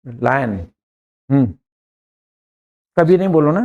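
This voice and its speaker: Male teacher, mid-pitched voice, grammar lesson to a class, repeats words and keeps checking understanding. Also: slow, vocal fry, muffled recording. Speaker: English teacher.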